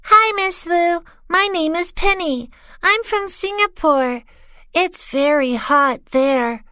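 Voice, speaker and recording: A woman voicing a young schoolgirl in a textbook listening dialogue, speaking slowly and very clearly. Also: very high-pitched, pushed and bright, dry recording, studio quality, full character voice. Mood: cheerful. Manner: slow, deliberate, very clear. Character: young schoolgirl pupil introducing herself. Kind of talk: slow scripted textbook dialogue.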